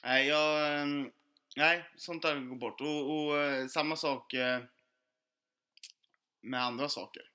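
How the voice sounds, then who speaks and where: A man's voice: a little high, steady tone, pauses often, pushed and bright. A man from Sweden co-hosting a casual podcast chat, blunt and sarcastic, swearing freely. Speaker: podcast co-host.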